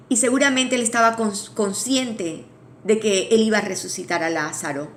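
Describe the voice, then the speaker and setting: Woman, Bible study teacher, conversational, mid-pitched voice, restarts phrases, reads scripture slowly, faint background hiss. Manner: conversational, with restarts and asides to listeners.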